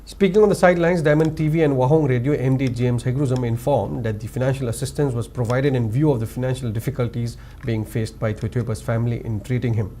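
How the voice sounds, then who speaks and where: A male news anchor with a Manipuri English accent, reading scripted headlines in a formal, measured way. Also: medium pitch, steady tone, dark tone. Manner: formal, measured, lifts each story opening.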